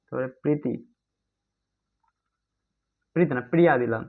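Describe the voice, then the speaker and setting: A man's voice: mid-range voice, normal speed, creaky. A man teaching an exam-prep grammar class online in a chatty way, often checking if students follow and calling them brother. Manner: chatty, keeps asking "ঠিক আছে?"; addresses students as "bhai", mixes English terms. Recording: tinny phone-like audio.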